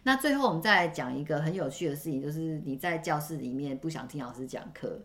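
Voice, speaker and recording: A woman's voice: low voice, animated, fast. A woman in her forties from Taiwan, hosting a parenting podcast as a casual chat and dropping English words into her talk. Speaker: podcast host.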